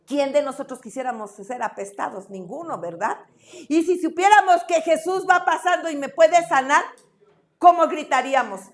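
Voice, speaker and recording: A woman teaching a church Bible class in a lively way, asking the class questions and acting out quotes. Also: high voice, normal speed. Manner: animated, asks the class questions, acts out quotes.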